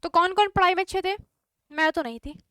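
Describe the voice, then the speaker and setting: A woman's voice: extremely high pitch, fast talker, sharp tone, dry recording, clean studio sound. A young woman with an Indian English accent teaching an online exam-prep lesson, chatty and quizzing her students. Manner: chatty, mixes Hindi and English, asks students questions.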